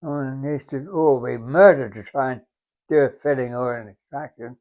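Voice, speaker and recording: In a muffled, dull lo-fi recording, a veteran from England around a hundred years old shares unhurried oral-history memories of his service. He has a mid-range voice and an English accent. His speech is halting and reflective, with phrases repeated.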